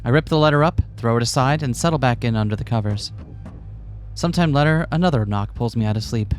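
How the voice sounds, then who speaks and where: A man's voice: medium pitch, fast, faint music behind. A man co-hosting a let's play, switching between casual commentary and reading a visual novel aloud with playful, theatrical asides.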